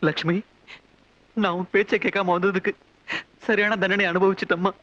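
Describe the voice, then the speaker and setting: An anguished trapped husband, high voice, pleading, muffled old film audio. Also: male voice, flat delivery, normal speed, fairly bright tone, slight background noise. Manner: pleading, panicked. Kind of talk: 1990s film drama acting. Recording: dull old film soundtrack.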